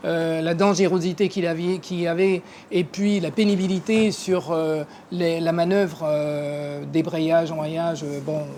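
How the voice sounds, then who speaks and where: Woman giving testimony over clear noise. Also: deep voice, fairly even intonation, a little slow, hardly any pauses, mellow. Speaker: interviewee recalling family history. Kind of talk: spoken personal testimony. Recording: clearly noisy location sound.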